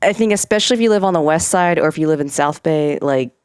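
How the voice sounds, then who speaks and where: A woman's voice: low-pitched, fast, a little mellow, smooth, no echo. A woman co-hosting a podcast who chats casually and hedges a lot, full of "like" and "I think". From California. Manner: chatty, hedging, lots of "like" and "I think". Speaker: podcast co-host. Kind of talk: casual chat.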